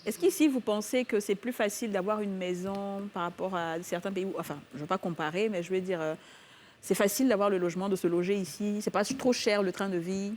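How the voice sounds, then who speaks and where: A woman hosting a talk show, chatting with her guests in a lively, familiar way. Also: mid-range voice, fairly quick. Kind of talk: casual talk-show chat.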